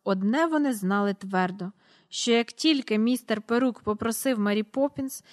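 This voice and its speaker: A woman reading a storybook aloud in a steady voice, announcing the page numbers as she goes. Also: on the high side, moderate pace. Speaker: reader.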